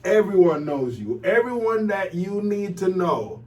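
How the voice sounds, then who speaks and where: A man's voice: high voice, big pitch swings, measured pace, darkish tone, distant mic. A man hosting a podcast interview, casual and colloquial, often affirming his guest. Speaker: podcast host.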